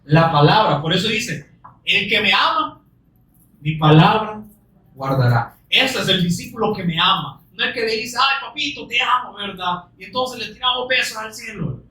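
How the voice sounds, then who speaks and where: A man with a notably high voice delivers an earnest sermon, full of rhetorical questions and scripture read slowly for weight. He sounds set back from the microphone, and the room around him rings with echo. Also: expressive, pushed and bright. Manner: earnest, many rhetorical questions, slow emphatic scripture quotes. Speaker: preacher. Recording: roomy echo, distant mic.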